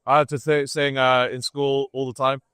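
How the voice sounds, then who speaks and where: A man with a posh English accent talks as a guest in a casual interview, blunt and provocative. His voice sits at an ordinary middle pitch. It is recorded dry, with almost no room sound. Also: level tone, moderate pace, sharp tone, clear, resonant tone, dry recording. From Scotland. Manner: blunt, provocative, laughs at own jokes.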